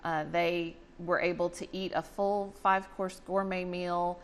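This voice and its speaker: A woman's voice: on the low side, level tone, measured pace. A woman explaining things in a chatty, conversational way as an interview guest. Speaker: guest, representative of a volunteer reading charity.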